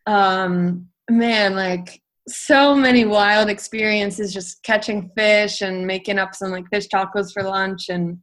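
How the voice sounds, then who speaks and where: A young woman recounting a travel tale in a loose, chatty way. Her talk is packed with "like" and "um" as she rambles through the story. Her pitch sits in the middle range. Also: slow, hardly any pauses. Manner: rambling, full of "like" and "um", lively. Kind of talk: casual storytelling in conversation.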